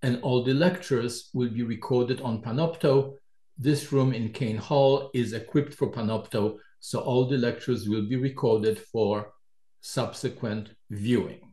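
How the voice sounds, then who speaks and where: An older man from Poland, a professor giving a measured university lecture introduction with dry asides, in a large lecture hall. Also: medium pitch, steady tone, mellow. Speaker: professor co-leading a lecture series.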